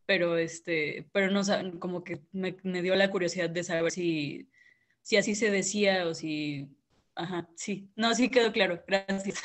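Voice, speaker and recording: Hesitant woman asking in class. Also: mid-range voice. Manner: hesitant, many fillers. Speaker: student.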